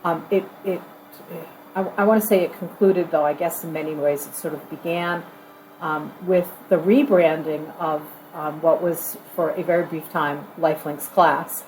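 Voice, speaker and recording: A woman giving an informal corporate training video talk as an organization leader to new staff, conversational and halting, repeating phrases for emphasis. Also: low-pitched, steady tone, darkish tone, slight background noise, rough recording.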